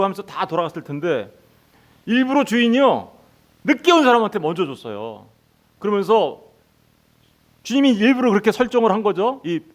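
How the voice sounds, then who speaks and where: A male pastor preaching a sermon who keeps asking his congregation rhetorical questions. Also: high-pitched. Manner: acts out the workers' lines in quoted voices.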